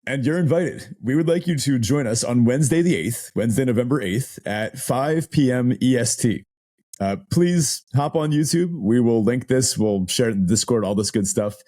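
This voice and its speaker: A man co-hosting a casual podcast, still a little hoarse from losing his voice, talking with chatty enthusiasm and frequent laughs. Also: medium pitch, lively intonation, moderate pace, dark tone. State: hoarse, voice not fully recovered. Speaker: podcast co-host.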